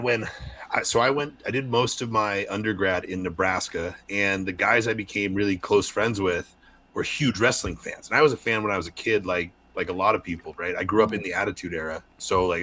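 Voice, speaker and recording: A man's voice: low voice, steady tone, fairly quick, pushed and bright. A man talking casually and informally as an interview guest. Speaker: guest, professional wrestler.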